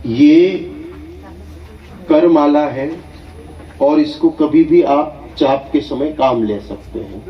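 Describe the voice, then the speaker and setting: A man acting as a guru at an initiation ceremony, giving slow, deliberate spiritual instruction and often checking that listeners follow. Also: on the high side. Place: hall at an initiation gathering. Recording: echoey, dull, distant hall recording.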